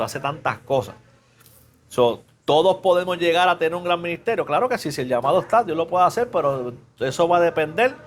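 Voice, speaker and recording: A man preaching in a relaxed, conversational way, teaching a Bible class and often asking the listeners questions. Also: fairly high pitch, slight background noise. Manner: casual, chatty, asks the class questions; mixes English fillers into Spanish.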